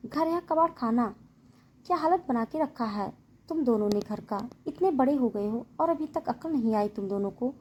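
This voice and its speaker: A woman voicing a stern older sister who scolds two misbehaving girls in a shrill voice. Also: animated, moderate pace, a little mellow, a little hiss or hum. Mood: scolding.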